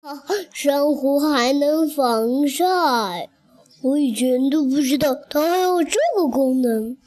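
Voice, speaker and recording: A woman voicing a gentle, slow-talking male humpback whale in a children's storybook reading. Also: high voice. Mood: grateful. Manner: slow, drawn-out speech.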